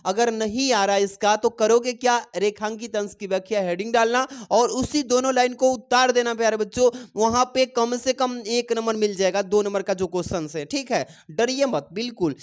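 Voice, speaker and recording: A man's voice: very high voice, clean tone. A male teacher giving an exam-prep lesson, reading lines of verse aloud and encouraging his students, whom he calls "babu" and "dear children".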